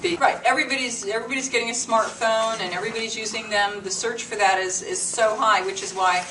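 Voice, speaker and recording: A fast-talking woman with a slightly high voice and fairly even intonation gives a casual workshop presentation at a business meetup. Addressing a small group in a meeting room, she keeps her explanations plain. The audio is roomy and noisy, captured from a distant mic.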